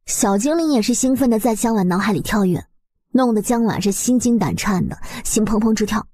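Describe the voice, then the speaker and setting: Dry, slightly husky woman storyteller. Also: mid-range voice, animated, a little fast, dark tone, no room sound. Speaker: narrator. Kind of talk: expressive webnovel story narration.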